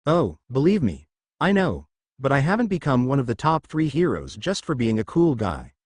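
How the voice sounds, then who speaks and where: A man reading as a calm, confident hero. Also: mid-range voice, moderate pace, breathy edge, no room sound.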